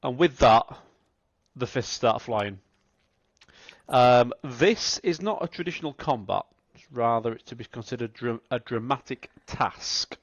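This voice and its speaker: A man running an online tabletop game as game master, talking in halting bursts with many fillers. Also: mid-range voice, expressive, no room sound. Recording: dull lo-fi mic.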